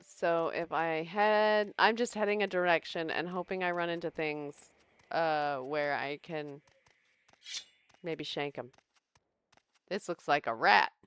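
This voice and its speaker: Bright-voiced woman streaming a game. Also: deep voice, steady tone, slow, pauses often, clear, resonant tone. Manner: chatty, playful, thinking aloud. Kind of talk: casual gameplay commentary to viewers.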